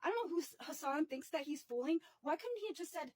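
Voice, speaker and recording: A woman's voice: sits high, expressive, fast talker, a little hiss or hum, low-quality recording. A woman hosting a casual commentary vlog, chatty and indignant, with many fillers and restarts. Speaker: commentary channel host.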